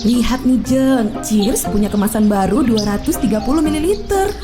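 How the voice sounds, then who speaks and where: A woman's voice: a little high, lively intonation, normal speed, close to an everyday voice. A woman playing a chatty, enthusiastic friend recommending a product in a scripted radio ad. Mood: chatty, persuasive. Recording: music behind the voice.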